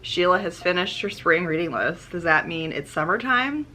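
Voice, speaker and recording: A woman with a low voice talks casually to her camera from home. She is chatty and laughs easily, with plenty of "like" fillers as she chats with her viewers. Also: expressive, moderate pace, pushed and bright, a little hiss or hum. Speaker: lifestyle vlogger. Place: at home, indoors.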